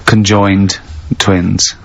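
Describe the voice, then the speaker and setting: A man hosting a comic radio show, chatting in a quick, playful way and jumping in over his co-host. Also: deep voice, level tone, creaky, a little hiss or hum. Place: radio studio. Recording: dry, slightly muffled radio recording.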